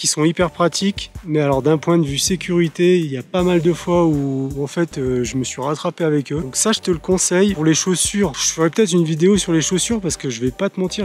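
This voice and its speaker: Guy with a highish voice chatting casually outside on a windy mountain, giving hiking tips, bit of music behind. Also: a little mellow. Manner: informal, advising. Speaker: hiking vlogger. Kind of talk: casual chat to viewers. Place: outdoors on a windy mountain summit.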